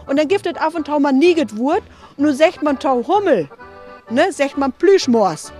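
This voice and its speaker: A woman museum guide tells stories in a chatty way, tagging her lines with "ne?". Her voice sits high. Soft music plays faintly behind her. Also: lively intonation, moderate pace. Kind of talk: casual storytelling.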